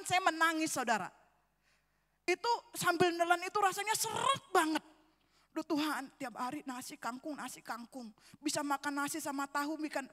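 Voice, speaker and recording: High-voiced woman preaching in a church. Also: a bit bright. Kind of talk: sermon. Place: church sanctuary. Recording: reverberant church hall.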